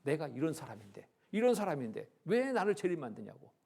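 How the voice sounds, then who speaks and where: A man voicing an indignant, foul-mouthed old village grandmother in sharp, scolding outbursts within a sermon story. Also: a little high, lively intonation, normal speed, vocal fry, husky, full character voice.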